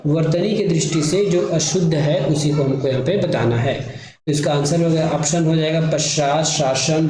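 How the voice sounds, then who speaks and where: A man's voice: a little high, mellow. A man teaching a spelling lesson, repeating words and checking in with his listeners while he writes them out. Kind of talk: spelling lesson explained at a board. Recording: very echoey room with faint noise.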